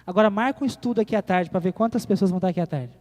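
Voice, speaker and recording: A man preaching a sermon, swinging between loud appeals and quiet moments and putting questions to the congregation. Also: sits high, very fast. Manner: animated preaching, rising and falling, rhetorical questions to the congregation. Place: church hall. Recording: reverberant church hall.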